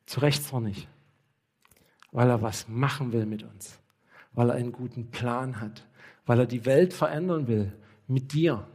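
A male pastor preaches a sermon in a lively storytelling manner and acts out bits of dialogue as he goes. He turns often to speak straight and earnestly to the congregation. His voice sits at a middle pitch for a man. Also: unhurried, pauses often, slightly rough. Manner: addresses listeners directly and earnestly.

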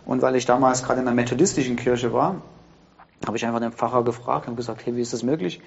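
A mid-pitched male pastor tells his story in a lively, easygoing way, often laughing. The recording is a bit dull, with faint noise behind him. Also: fast talker, gravelly. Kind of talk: casual discussion.

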